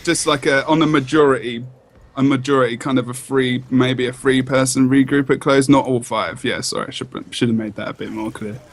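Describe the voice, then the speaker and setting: Dude doing color commentary on a match, chatty and rambly, mid-pitched regular voice. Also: male voice, steady tone, fairly quick. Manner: loose, rambling, with restarts. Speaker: esports co-caster. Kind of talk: casual analytic commentary.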